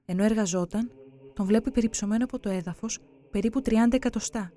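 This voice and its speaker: A narrator giving a solemn, measured scripted reading for a religious documentary. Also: mid-range voice, warm tone.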